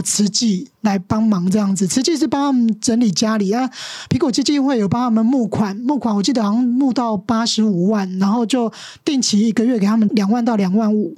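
A woman's voice: a little high, warm tone, no echo, studio quality. A middle-aged woman teacher with a Taiwanese Mandarin accent, earnestly telling stories as a podcast guest. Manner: earnest, acts out quoted dialogue. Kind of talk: storytelling interview.

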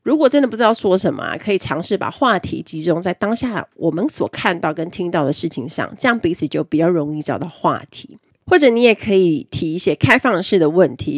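A self-improvement presenter with a fairly low, husky voice gives an instructional talk on speaking skills. She explains step by step and stresses the key words in her lists, recorded dry with clean studio sound.

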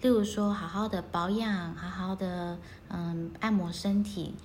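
Relaxed woman chatting. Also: fairly low pitch, a little slow, slight background noise. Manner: relaxed, laughs often. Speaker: co-host. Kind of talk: casual chat.

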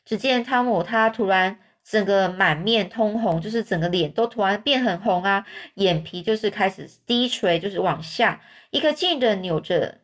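A woman retelling a children's story in a chatty way, often rephrasing to explain. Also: mid-range voice.

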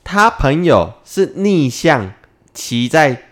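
A co-host chats casually on a podcast. This speaker often jumps in with teasing remarks. The pitch moves up and down a lot. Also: very animated, slow. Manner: teasing, interjecting. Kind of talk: casual chat.

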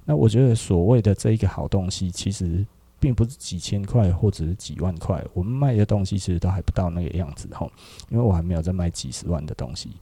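A man's voice: low-pitched, fast talker, mellow, slightly rough, dry recording. A middle-aged man with a Taiwanese Mandarin accent, hosting a podcast in chatty monologue and tagging his points with rhetorical questions. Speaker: podcast host, clothing shop owner.

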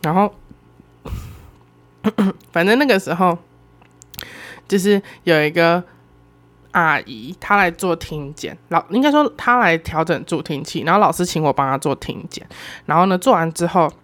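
Young woman with a Taiwanese Mandarin accent, solo podcast host; lower-pitched, animated and self-mocking delivery. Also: unhurried, pauses often. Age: 20s. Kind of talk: casual solo storytelling.

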